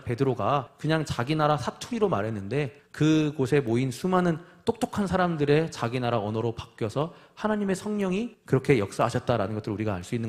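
A male preacher delivering a sermon, acting out voices in dialogue and dropping to soft, quiet endings after raised lines. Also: medium pitch. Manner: animated, acts out God and Moses in dialogue.

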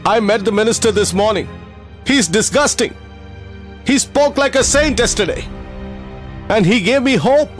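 A distressed schoolteacher who runs a school for poor children, talking in a high, pained voice. He pleads and apologizes with deep emotion. Faint film music plays under this dubbed drama. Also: animated, moderate pace, long pauses. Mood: bitter.

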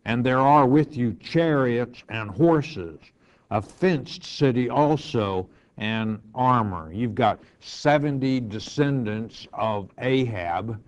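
A man's voice: medium pitch, expressive, takes it slowly, a little mellow, lo-fi sound. A male pastor teaching verse by verse, reading scripture aloud and then explaining it in plain words.

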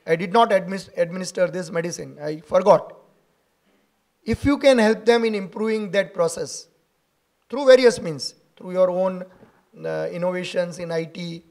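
A man's voice: high voice, a little mellow. A middle-aged man, a keynote speaker answering audience questions at a podium mic in a lecture hall. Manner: earnest, gesturing while he argues. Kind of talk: conference Q&A answer. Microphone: podium microphone.

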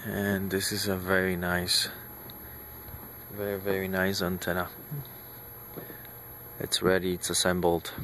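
A man filming himself on a handheld phone outdoors in a small backyard, casually showing off his gear in an unhurried way with many pauses and fillers. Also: sits low, monotone, fairly bright tone, slight background noise. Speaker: amateur radio hobbyist. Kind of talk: casual show-and-tell. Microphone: handheld phone camera, shaky video.

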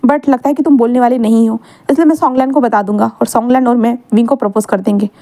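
A cocky young man fires teasing questions at his friend, as a woman reads him. His voice sits high and soft, with a bold, challenging edge. It sounds like an everyday storybook reading. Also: steady tone, fast talker, lightly acted.

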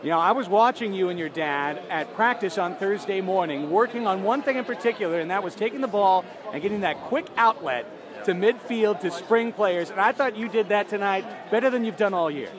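High-voiced man asking postgame questions. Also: lively intonation, crowd noise. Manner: brisk, stat-heavy questions. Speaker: sports reporter. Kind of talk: postgame field interviews. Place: indoor soccer arena floor.

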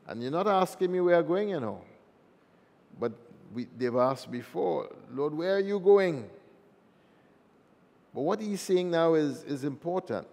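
A man's voice: mid-range voice, a little mellow. A priest reading the gospel and giving a homily in a plain, conversational way, with a long church echo on his voice. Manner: plain, conversational, with fillers and restarts.

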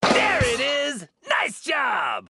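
Voicing a cheerful cartoon star who hosts a children's game show, an actor shouts in a high, sharp, exaggerated voice with vocal fry and big pitch swings. The delivery is very slow, showy and upbeat, in an encouraging announcer style, with music in the background of this educational cartoon.

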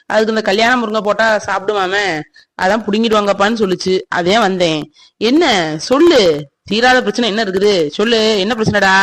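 Caring older village brother type, voiced by an actor, keeps coaxing, middle pitch. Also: a bit bright, close to an everyday voice. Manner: coaxing, insistent questioning. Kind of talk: cartoon voice acting.

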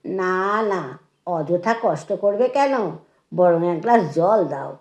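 A woman voicing a gentle, humble elderly woman, once a schoolteacher, who speaks softly and slowly. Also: lowish voice, lively intonation, a little hiss or hum, pitched below the performer's own voice. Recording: echoey room.

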